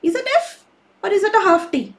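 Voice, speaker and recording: A craft teacher runs a live online class for children, her voice extremely high, very animated and brisk. Cheerful and coaxing, she keeps asking the kids questions.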